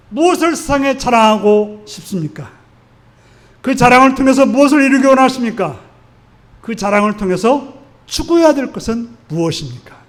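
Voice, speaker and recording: A male pastor preaching a Sunday sermon in an earnest, exhorting way, putting question after question to his congregation. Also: very high-pitched. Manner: asks the congregation frequent rhetorical questions.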